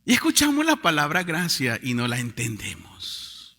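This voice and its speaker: A man preaching a sermon as pastor, calling out to his congregation to repeat words, swinging from loud proclamations to quiet low lines. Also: huge pitch swings, moderate pace. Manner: preaching with call-and-response to the congregation. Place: church sanctuary. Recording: church hall reverb.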